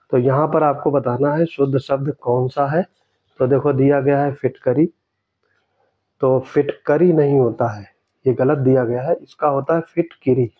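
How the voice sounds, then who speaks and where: A man tutoring for an exam, going through test answers in a steady way and repeating each key word for emphasis. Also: medium pitch, narrow, tinny audio.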